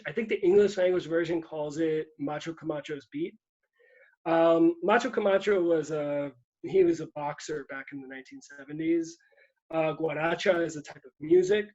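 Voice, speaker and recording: A man's voice: on the high side, animated, normal speed, a little mellow, dull audio. A man from Puerto Rico talking casually about books, rambling with many restarts and easy laughs. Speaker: guest writer.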